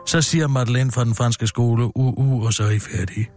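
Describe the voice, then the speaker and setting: A man's voice: mid-range voice, fairly even intonation, a little mellow, faint music behind, pitched below the performer's own voice, close to an everyday voice. A man voicing a know-it-all seven-year-old boy who explains things in a bossy way.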